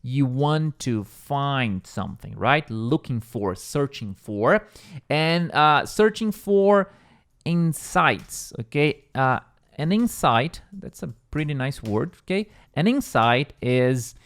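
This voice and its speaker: A man's voice: medium pitch, expressive, slow pace, fairly bright tone. A man with a Brazilian Portuguese accent teaching English vocabulary, repeating words and checking in with the listener. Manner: repetitive, checks in with "okay?" and "right?". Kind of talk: explaining vocabulary step by step.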